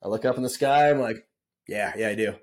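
A middle-aged man appears as a podcast guest in a casual storytelling interview, laid-back and often saying "dude" and "man." He talks fast, with a fairly low, slightly mellow voice.

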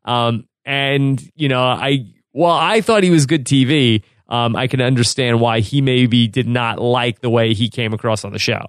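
Casting note: easygoing male host, smooth clear voice, dry close sound. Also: medium pitch, normal speed, hardly any pauses, dry recording. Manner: easygoing, curious questioner. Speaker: podcast host. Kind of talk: casual interview chat.

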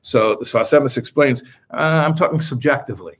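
Husky-voiced man teaching a text. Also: medium pitch, moderate pace. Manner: discursive, talks in short bursts and explains each term. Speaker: Torah teacher. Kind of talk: explaining a religious text to a class.

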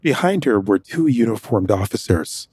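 Speaking at normal speed in a lowish, darkish voice with a breathy edge, this actor narrates expressively in the first person as an anxious man concealing his sick brother. The narration is steady, the dialogue hesitant, and the studio-quality recording has no room sound.

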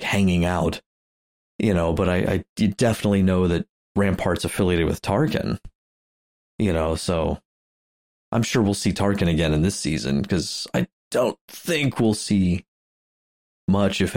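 Guy w a deep voice just chatting on a podcast, keeps laughing and restarting sentences. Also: normal speed, darkish tone. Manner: rambling, chuckling, many restarts. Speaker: podcast co-host. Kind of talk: casual chat.

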